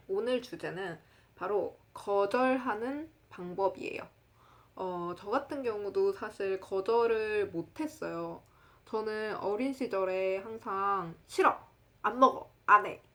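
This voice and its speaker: A woman in her twenties casually telling a personal story to the camera, laughing often and acting out quotes in a loud high voice. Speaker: vlogger.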